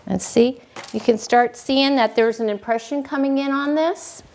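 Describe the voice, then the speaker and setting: A woman cake decorating instructor giving a relaxed, folksy hands-on demonstration, talking as she works. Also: high voice, normal speed, a little hiss or hum. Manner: folksy, relaxed, talks while working.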